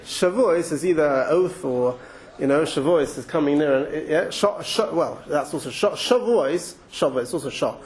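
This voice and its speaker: A man's voice: a little high, a little mellow. A man with an English accent giving an informal Torah talk, chatty and thinking aloud with frequent restarts and asides. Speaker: Torah teacher.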